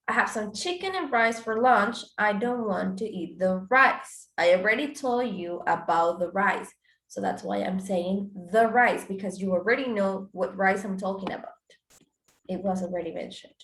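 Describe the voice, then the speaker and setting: A woman's voice: mid-range voice, fairly bright tone. A woman teaching an English grammar class, explaining step by step and switching between Spanish and English examples. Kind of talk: online class lesson. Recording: roomy echo.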